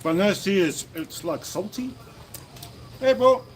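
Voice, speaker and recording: Chatty New Zealand man, high voice. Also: lively intonation, measured pace, slight background noise. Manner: rambling, chatty with fillers and restarts. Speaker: livestream host. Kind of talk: casual livestream chat. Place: indoors at a lunch table in the Philippines.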